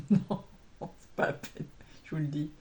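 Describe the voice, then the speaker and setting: A woman's voice: measured pace, a little mellow. Chatty woman rambling with many fillers. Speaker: cross-stitch vlogger. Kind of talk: casual chat to camera.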